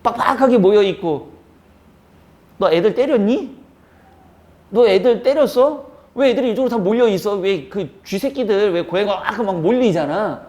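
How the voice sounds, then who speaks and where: During a classroom lecture, the same kind of male teacher mixes teaching with teasing and scolding, occasionally mimicking students in squeaky voices. He's animated, keeps a moderate pace, and has a darkish tone.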